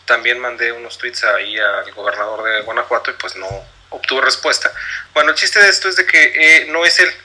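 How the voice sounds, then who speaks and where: Husky, bright-toned man as co-host, matter-of-fact. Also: mid-range voice, fairly quick, poor audio. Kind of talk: casual talk show chat.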